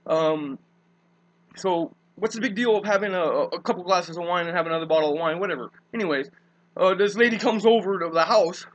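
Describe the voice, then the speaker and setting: A man's voice: high voice, fairly quick, dull audio. A young man, rambling casually with many fillers and swear words as he tells his side of a dispute.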